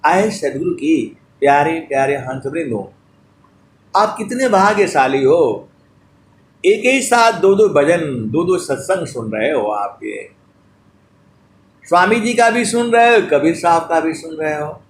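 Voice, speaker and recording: A man giving a devotional sermon, drawing out sung verses slowly and turning fondly to his listeners between them. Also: a little high, lively intonation, echoey room, slight background noise. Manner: slow drawn-out chanting of verses between spoken teaching. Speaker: spiritual preacher.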